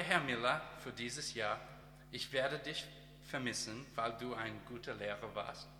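A man from Australia whose first language is English, giving a short sermon in careful, halting German with many pauses and restarts. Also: mid-range voice, bright, forceful tone, reverberant, in a large hall, slight background noise. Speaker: guest speaker and teacher. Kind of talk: church testimony and short sermon.

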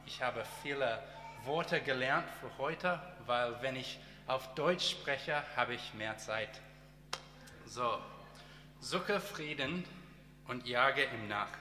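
Slow-speaking Australian man in a hall. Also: mid-range voice, bright, forceful tone, slight background noise. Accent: Australian English. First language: English. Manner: slow, careful German with pauses and restarts. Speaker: guest speaker and teacher. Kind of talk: church testimony and short sermon.

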